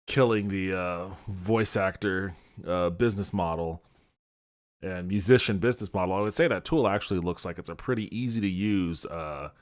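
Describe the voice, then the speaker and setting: Sardonic and skeptical, a low-voiced streamer who hosts a gaming podcast riffs casually and off the cuff at a moderate pace. He swears now and then.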